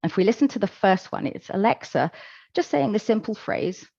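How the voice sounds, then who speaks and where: A woman giving a conference presentation, explaining in a measured, calm way with occasional fillers. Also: medium pitch, vocal fry, breathy edge, no echo, muffled recording. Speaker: conference speaker. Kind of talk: presentation talk.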